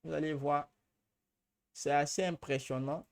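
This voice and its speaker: A man with an Ivorian French accent leads a live training session, chatting loosely with lots of repetition and local slang. His voice sits high for a man. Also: steady tone, a little slow, gravelly. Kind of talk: live workshop Q&A.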